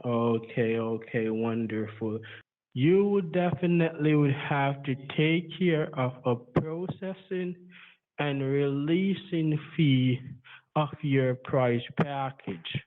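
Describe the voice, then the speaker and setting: A man with a Jamaican accent, pitching slowly and deliberately over a landline phone. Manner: slow, deliberate salesman pitch. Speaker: scam caller. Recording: tinny phone line.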